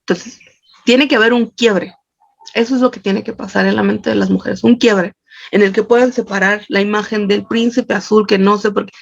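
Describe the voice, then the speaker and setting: A Mexican woman with a Mexican accent speaks in an interview, her fairly high voice carrying a gravelly rasp. She talks with intensity, hammering points home by repeating them, and the recording sounds dull and lo-fi. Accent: Mexican Spanish. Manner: intense, emphatic, builds with repetition. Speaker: psychologist and feminist activist, interview guest. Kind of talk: earnest explanatory interview answers. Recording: dull lo-fi audio.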